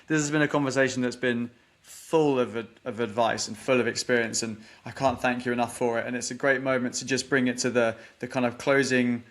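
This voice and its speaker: A man's voice: mid-range voice, fairly even intonation, fairly quick, a bit bright. A man hosting a podcast interview, earnest and appreciative, often repeating words as he talks. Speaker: podcast host. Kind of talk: interview wrap-up, asking questions.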